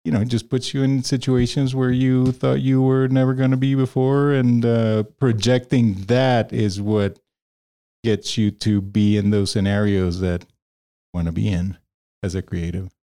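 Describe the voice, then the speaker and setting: This Venezuelan man, a freelance video producer appearing as a podcast guest, chats casually on an interview show. His medium-pitched, warm voice has a flat delivery and a measured pace. He rambles with lots of fillers and restarts and laughs often.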